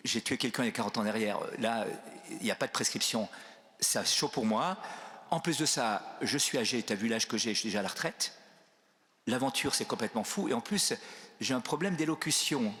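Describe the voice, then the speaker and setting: A man's voice: medium pitch, animated, a little fast, pushed and bright. Reluctant, grumbling old Moses lists his excuses in a plain, casual way, voiced by a man preaching. The voice stays close to the speaker's own. A long church reverb hangs behind it. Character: aged male prophet Moses, reluctant and grumbling.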